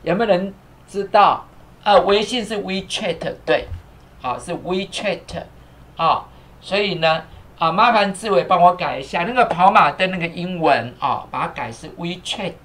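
A man's voice: sits high, lively intonation, measured pace, fairly bright tone. A man teaching English on a live stream. He spells words out letter by letter, repeats each phrase, uses many fillers, and thanks viewers as he goes. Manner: thanks viewers and asks the crew to fix captions.

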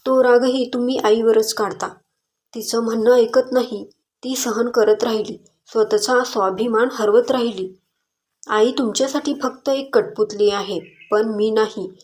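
A woman's voice: fairly high pitch, steady tone, a little slow, a little mellow, natural voice. A woman voicing a determined young daughter who speaks up firmly and earnestly in a story reading. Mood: defiant. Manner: firm, earnest pleading.

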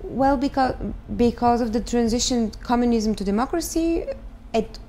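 A woman in her thirties from Bulgaria, speaking English with a Bulgarian accent, answering interview questions thoughtfully and pausing to search for words. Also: a little high, warm tone, slight background noise. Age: 30s. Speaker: guest, start-up founder. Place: living room, on a sofa.

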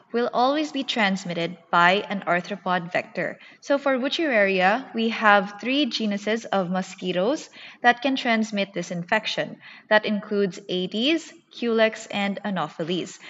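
A woman's voice: mid-range voice, fairly bright tone. A woman lecturer explaining material to her class in a scripted, teacherly slide lecture. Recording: muffled, reverberant narrated slide recording.

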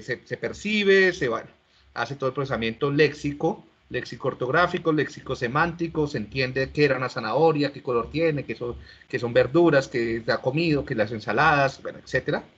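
A man with a medium-pitched, slightly rough voice lectures an online class, breaking explanations into steps and questioning his students. He restarts often, and the sound quality is dull and lo-fi.

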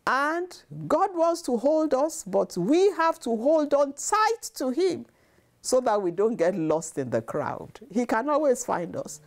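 Earnest woman preaching slowly. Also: on the high side, a little mellow. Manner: earnest, repeats phrases for emphasis. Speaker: devotional speaker. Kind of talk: devotional sermon to camera. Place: living room, seated on sofa. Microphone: lapel mic.

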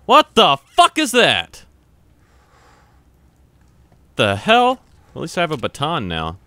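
Filming himself gaming, a young man delivers relaxed let's-play commentary, reading the on-screen text out loud. His slightly high voice swoops wildly in pitch, he talks slowly, and no room sound comes through. Scares make him yelp loudly and curse.

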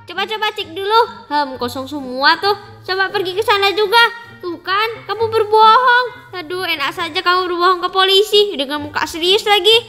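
A woman's voice: extremely high pitch, normal speed, sharp tone, soft background music. A woman voicing a sceptical, scolding young police officer in a children's role-play, full of exclamations and questions.

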